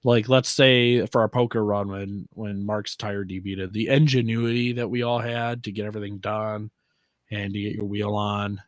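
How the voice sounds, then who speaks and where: Recorded with studio quality and no echo, this American co-host of a casual off-roading podcast talks about off-roading in an informal, slangy manner with the odd curse word. His pitch is fairly low, his tone level, and he speaks at a normal speed.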